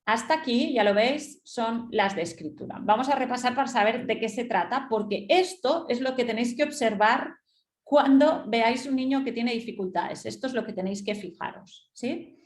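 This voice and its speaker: A woman's voice: fairly high pitch, normal speed. Woman teaching a webinar, echoey room. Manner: explains step by step, checks in with rhetorical "¿sí?". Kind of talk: instructive webinar lecture. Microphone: webinar computer mic.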